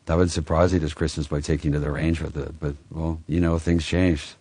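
A man's voice: a bass voice, little pitch movement, fairly quick, a little mellow, slightly rough. A man doing a laid-back, profane gun buddy. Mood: casual. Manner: casual, offhand, profane.

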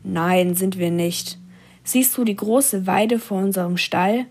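A woman's voice: mid-range voice, slow, darkish tone. A woman voicing an unhappy, complaining cow in a stall. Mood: longing.

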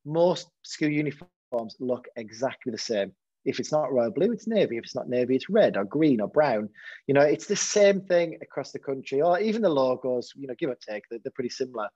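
A man who is a head teacher gives a candid interview, hesitating and restarting his sentences with many false starts. His mid-range voice is fairly quick, dark in tone, and lively in intonation. The recording is dry with no echo and sounds slightly dull and lo-fi.

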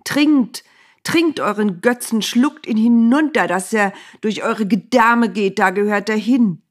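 A woman voicing Moses, an enraged and despairing prophet who shouts and pleads in a spoken Bible story. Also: fairly low pitch, fairly even intonation, slow, breathy edge. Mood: furious. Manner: shouting in rage, later pleading and murmuring. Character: Moses, furious then despairing prophet, man.

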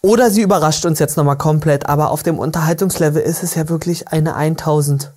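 Low-voiced gushing woman commentator. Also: fast. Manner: gushing, excitable, chatty. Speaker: podcast host. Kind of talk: casual reaction commentary.

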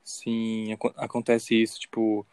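A young Brazilian man co-hosting a podcast speaks with a Brazilian Portuguese accent in a lowish, darkish, monotone voice at an unhurried pace. The chat is casual and jokey, and he laughs frequently.

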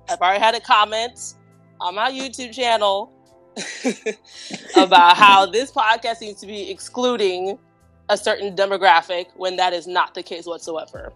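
A woman's voice: mid-range voice, a bit bright. A woman hosting a casual podcast, upbeat and chatty, who laughs easily as she talks. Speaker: podcast host.

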